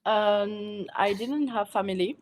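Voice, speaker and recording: A woman's voice: medium pitch, slow pace. A woman from Mauritius, a guest answering in a casual interview, hesitant with many fillers and frequent laughs. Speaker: guest, food content creator.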